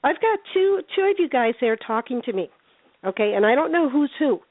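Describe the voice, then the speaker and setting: Higher-pitched emphatic woman on a phone line. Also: sing-song, a little fast, no echo. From New Jersey. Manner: emphatic, repeats phrases. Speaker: guest paranormal investigator. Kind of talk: casual storytelling chat. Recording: dry, tinny phone line.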